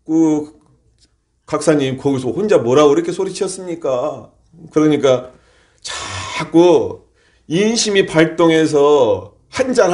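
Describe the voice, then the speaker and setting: A Won Buddhist minister delivers a sermon to his congregation in a temple hall. His voice sits a little higher than most men's. He leans on rhetorical questions, putting a question to the room and then answering it himself. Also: a little mellow. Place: temple hall during a service.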